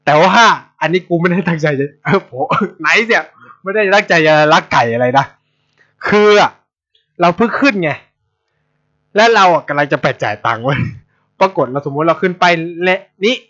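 A man's voice: fairly high pitch, moderate pace. Thai guy ranting casually on a podcast, swears a ton, dull lo-fi recording. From Thailand. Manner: blunt, swears a lot, animated. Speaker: podcast host. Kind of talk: casual storytelling chat. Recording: dull lo-fi sound.

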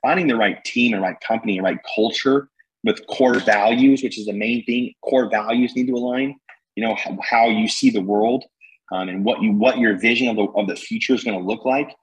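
A young man talking fast and energetically in a podcast conversation, rambling with lots of fillers and slang. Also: on the low side, slightly rough, rough recording. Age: young adult. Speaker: guest entrepreneur.

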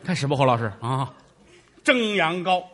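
Teasing straight man, animated. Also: on the high side, normal speed. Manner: dry, teasing retorts. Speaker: crosstalk comedian, straight man. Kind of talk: stage crosstalk comedy. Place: on stage.

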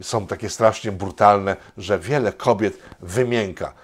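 A man's voice: fairly low pitch, unhurried, breathy edge. A man hosting a sarcastic commentary monologue, mocking and meandering, with many filler sounds. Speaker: host of a political commentary show.

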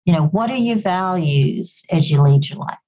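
Speaking with animation at a moderate pace, she has a fairly low, dark-toned voice, and the recording lacks high frequencies. She is a Goan woman who grew up in Kenya, with a light Kenyan accent touched by English. In her podcast interview replies she comes across as reflective and sincere, often restarting her sentences and repeating words.

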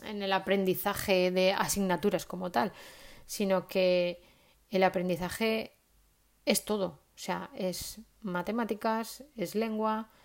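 A woman's voice: medium pitch, little pitch movement, takes it slowly. A woman, giving parenting advice in a casual, chatty monologue with frequent "¿vale?" tags. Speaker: parenting vlogger.

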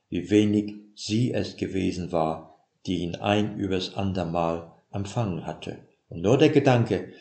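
Man narrating a story in a roomy echo. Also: lowish voice. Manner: measured, expressive reading. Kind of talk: storytelling reading.

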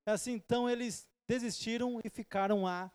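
A man's voice: extremely high pitch, fairly even intonation, moderate pace, darkish tone, clear, resonant tone, long reverb tail. A man preaching, stopping after short phrases so an interpreter can follow. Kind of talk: sermon with live interpretation. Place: church hall with a projector.

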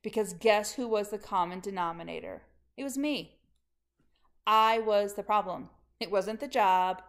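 A middle-aged woman who works as a coach tells her own story in a podcast monologue. She speaks at a medium pitch, candid and emphatic, addressing her listeners directly as though they were friends.

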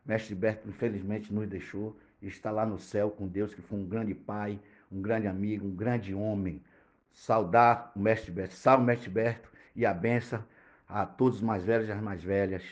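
A man's voice: fairly low pitch, steady tone, moderate pace, lo-fi sound. A man from Bahia, a teacher and cultural activist, earnestly explaining a topic to podcast listeners. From Bahia, Brazil.

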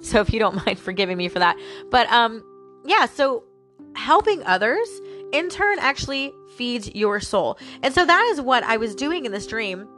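A podcast host with a stuffy nose and slightly nasal voice rambles and muses aloud to her listeners on her personal talk show, chatting away and calling them "guys." Her voice is a little high and sing-song, moderately paced and a bit bright, with soft music in the background.

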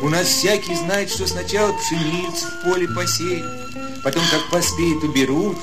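Actor as young peasant guy, high voice, cocky, folksy fairy-tale manner, clear background music. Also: steady tone, moderate pace, lightly acted. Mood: doubtful, scolding. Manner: folksy, blunt, boastful. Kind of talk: fairy-tale audio drama.

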